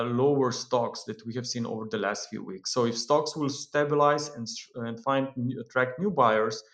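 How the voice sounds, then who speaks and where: Man talking markets in a roomy echo. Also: medium pitch. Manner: steady explanatory delivery with frequent "uh" and "um" fillers. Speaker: market analyst. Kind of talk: market analysis commentary.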